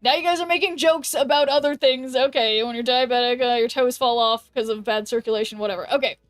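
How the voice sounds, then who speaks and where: A woman's voice: a little high, fast. A hungover woman hosting a livestream, chatting casually and loosely rambling to viewers. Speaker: livestream host. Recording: music behind the voice. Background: music.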